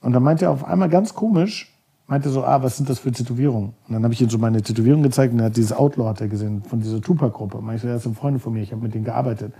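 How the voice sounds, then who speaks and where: A man from Germany speaks as a guest on a podcast. His voice is very dark and a little husky. He tells his stories loosely and rambles, often stopping to search for the right word. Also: mid-range voice, rapid-fire. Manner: rambling, searches for words, many fillers. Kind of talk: casual storytelling.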